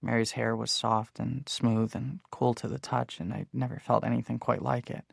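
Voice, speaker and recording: A man reads an audiobook in the first person with even, steady storytelling. His mid-range voice has a gravelly texture. The recording is close and dry. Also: medium pitch, normal speed, dry recording. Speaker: audiobook narrator.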